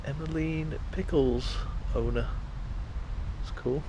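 A man strolling through a cemetery, musing aloud and reading gravestones in a casual, unhurried way. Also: on the high side, steady tone. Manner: musing, reads gravestones aloud, frequent ums. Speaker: cemetery walking tour vlogger. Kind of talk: casual walking commentary. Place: outdoors in a cemetery. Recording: outdoor noise and passing traffic.

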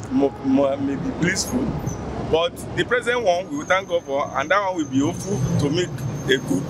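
Older Nigerian man preaching gratitude, roadside. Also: on the high side. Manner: reflective, preachy, repeats phrases. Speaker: street interviewee. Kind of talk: vox pop answer. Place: roadside outdoors near a church. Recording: loud street traffic noise.

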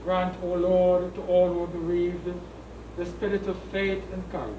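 A middle-aged man, a priest, reading solemn funeral prayers in a measured, formal way with pauses. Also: very high-pitched. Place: small indoor funeral service room. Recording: echoey room, distant mic, background noise.

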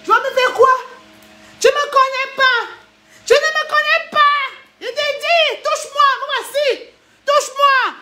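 Woman acting out a loud scrappy young woman squaring up, super high and bright, echoey room. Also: a little slow, slight background noise, exaggerated voice. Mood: defiant. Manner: shouting, challenging, high-pitched. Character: brash, combative young woman picking a fight.

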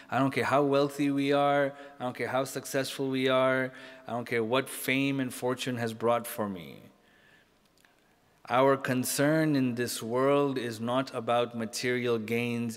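A middle-aged man giving a conversational sermon, talking straight to his audience and checking in with "right?" and "you know?". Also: mid-range voice. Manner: casual, talks directly to the audience with frequent "right?" and "you know?". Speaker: sheikh giving a religious lecture. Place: mosque hall, indoors. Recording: reverberant hall recording.

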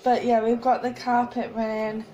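This young woman's voice sits on the high side, warm and level, at a moderate pace, in a recording with the highs cut off and slight background noise. She's vlogging on a phone held at arm's length, chatting casually in a rambling, giggly way, first in a small flat indoors and then out on a windy street.

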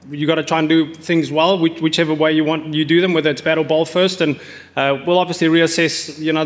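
At a press conference, a cricket coach in his forties with a slightly high voice answers reporters' questions into table microphones, using frequent fillers and restarts.

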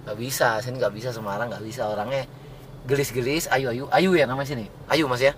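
A man's voice: medium pitch, steady tone, brisk, slight background noise. A man from Jakarta chatting and joking with a driver, asking him lots of questions. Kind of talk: casual chat.

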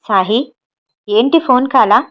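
A woman reading the part of a caring young woman friend, gentle and coaxing, in a storybook reading. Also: on the high side, animated, measured pace, muffled recording. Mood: worried coaxing.

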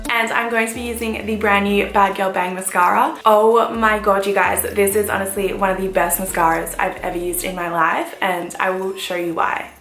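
A woman in her twenties vlogging her makeup routine in casual, enthusiastic chat, her voice croaky from the morning. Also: mid-range voice, flat delivery, normal speed, few pauses, fairly bright tone, echoey room, faint music behind. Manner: bubbly, enthusiastic. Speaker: beauty vlogger.

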